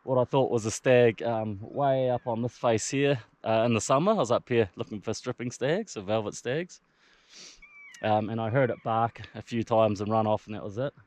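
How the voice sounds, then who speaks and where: A man's voice: medium pitch, normal speed, a little mellow, no echo. Man with a broad Kiwi accent. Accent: broad New Zealand. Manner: laid-back, slangy, mild swearing. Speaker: hunter filming own trip. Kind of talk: casual outdoor vlog talk. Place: outdoors on open mountain tops.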